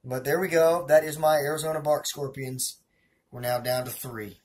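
A man's voice: fairly high pitch, fairly even intonation, normal speed, darkish tone, slightly rough. Southern-accented man narrating a hobby video. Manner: chatty, addresses viewers as guys, rambling asides. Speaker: hobbyist scorpion and tarantula keeper. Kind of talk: casual feeding-video narration.

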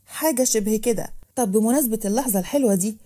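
A woman voicing a gentle Egyptian suitor. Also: on the high side, fast talker, lightly acted. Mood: tender. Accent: Egyptian Arabic. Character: affectionate young man, gentle suitor.

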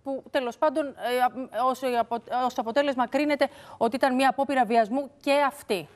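Higher-pitched woman court reporter. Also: steady tone. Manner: retelling court testimony in detail, some restarts. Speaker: court reporter on a news panel. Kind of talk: news reporting.

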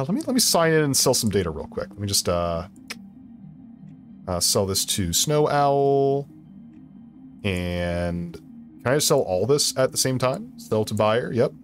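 A man streaming a video game, commenting casually in a playful, jokey way and laughing often. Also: medium pitch.

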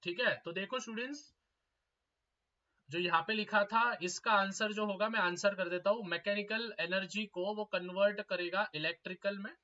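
Young man, live exam-prep teacher, high bright voice, slightly dull lo-fi audio. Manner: urgent, pushes students to answer fast, repeats questions.

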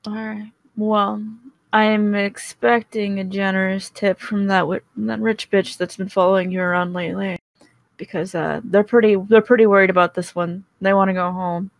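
A woman's voice: mid-range voice, little pitch movement, normal speed, gravelly, dry recording, lightly acted. A woman voicing a blunt, businesslike male ship captain in a tabletop role-play over voice chat, in a plain, matter-of-fact manner. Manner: plain matter-of-fact speech, dropping her usual voice.

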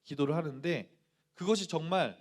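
A man's voice: fairly high pitch, normal speed. A male pastor giving a sermon to students, telling a personal story and asking the listeners questions, acting out the voices in his quotes. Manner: acts out quoted voices in dialogue.

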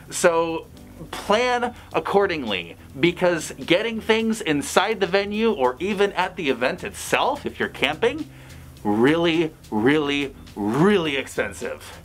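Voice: medium pitch, sing-song, unhurried, soft background music. A fursuiter giving casual vlog advice from inside a costume head. The voice is muffled and chatty, with dry, sarcastic asides. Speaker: fursuiter vlogger.

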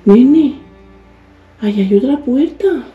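A woman, exploring an abandoned house in a casual vlog, exclaiming and marveling aloud, often hushed. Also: sits high, lively intonation, takes it slowly. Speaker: urban explorer host. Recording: roomy, dull lo-fi camera audio with faint music.

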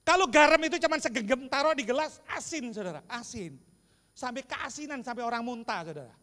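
A man preaching a lively sermon, often turning to ask the congregation questions. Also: very high voice, fairly quick. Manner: animated preaching, calls to the congregation. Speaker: pastor. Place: large church hall. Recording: long church hall reverb.

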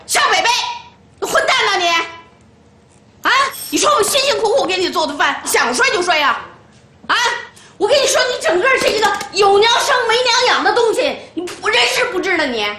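An actress playing a bossy, sharp-tongued middle-aged grandmother who scolds a small child in a TV drama. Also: very high-pitched, very animated, fairly quick, reverberant, noisy background. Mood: furious. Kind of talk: TV drama acting.

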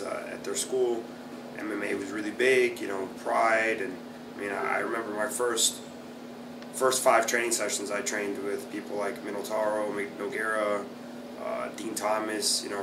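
A Brazilian-born jiu-jitsu fighter and instructor in his thirties, raised in South Florida, answers interview questions in a relaxed way, full of "uh" and "you know." His voice is on the low side at a moderate pace. Seated in an office chair in a small plain room, he's filmed by a distant camera, with echo and background hum.

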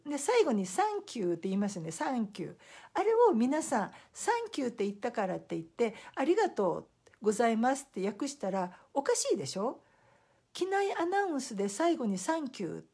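A woman's voice: a little high, slightly rough. A middle-aged woman, a simultaneous interpreter, chatting casually to live-stream viewers and telling stories with acted-out quotes. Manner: lively storytelling with acted-out quotes.

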